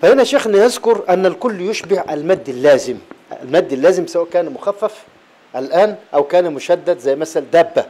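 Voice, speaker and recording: Man, Egyptian Arabic accent, recitation teacher, high mellow voice, patient and repetitive, slips into slow chanting. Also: expressive. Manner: explains patiently, repeating key terms, breaking into slow chanted verse. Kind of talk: classroom lecture.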